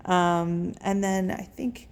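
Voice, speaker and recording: A woman giving a casual vlog update, talking haltingly and pausing to search for words. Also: on the low side. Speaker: patient recording a recovery vlog. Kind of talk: casual update talk to camera. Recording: faint background room noise.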